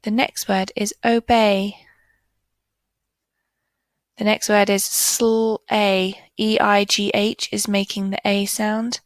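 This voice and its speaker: A woman leads a children's phonics lesson, drawing out each vowel sound and word with deliberate care. Her pace is unhurried and gentle. The recording is dry, with no room around the voice. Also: medium pitch, little pitch movement, no room sound, low-quality recording. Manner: slow, clearly sounding out letters and words. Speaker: teacher. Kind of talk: primary school phonics lesson.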